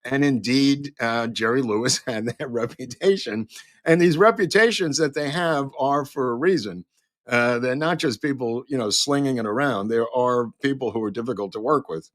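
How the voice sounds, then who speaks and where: A man hosting a show, telling a long story in a rambling, halting way with many fillers and restarts as he talks to a live chat. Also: medium pitch, no room sound, studio quality. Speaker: podcast host.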